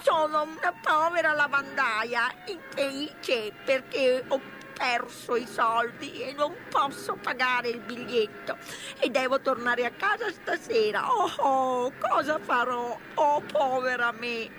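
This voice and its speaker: A woman voicing a boastful male toad disguised as a washerwoman, wailing and self-pitying in a slow, sobbing way for a storybook reading. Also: sits high, bright, forceful tone, faint music behind, pitched above the performer's own voice, heavily acted. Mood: pleading.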